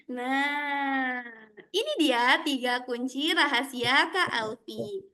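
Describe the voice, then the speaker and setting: A young woman with a high voice teaches children how to tell stories over a video call. She talks to them in a bright, animated, sing-song way. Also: takes it slowly. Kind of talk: online class for kids.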